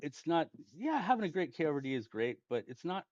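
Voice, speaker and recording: A man's voice: a little high, very animated, fairly quick, dry recording. A man casually telling a long gaming story, rambling with frequent restarts and chuckles. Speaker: gaming channel host. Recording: dull lo-fi dry home mic.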